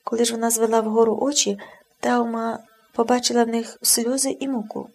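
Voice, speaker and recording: A woman narrating an audiobook in an expressive, measured reading. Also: a little high, breathy edge.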